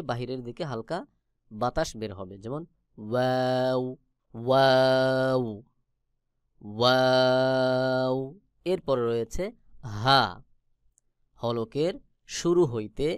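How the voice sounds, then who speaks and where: Smooth-voiced man teaching letter sounds. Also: mid-range voice, animated, no room sound, studio quality. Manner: demonstrates each letter sound slowly and repeats it. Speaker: Quran recitation teacher. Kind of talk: slow instructional explanation.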